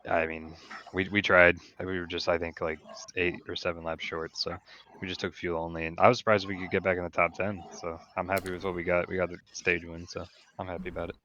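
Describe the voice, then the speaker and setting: Really deep monotone racer guy, relaxed, kinda muffled mic. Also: fairly quick, a little hiss or hum. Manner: relaxed, matter-of-fact. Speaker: sim racing driver. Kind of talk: post-race interview. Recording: dull lo-fi mic audio.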